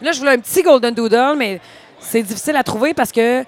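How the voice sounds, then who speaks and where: A woman with a Quebec French accent tells stories in a casual podcast chat, lively and animated. Her voice sits a touch on the high side. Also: quick pace. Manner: animated storyteller, chatty filler "là". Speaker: podcast co-host.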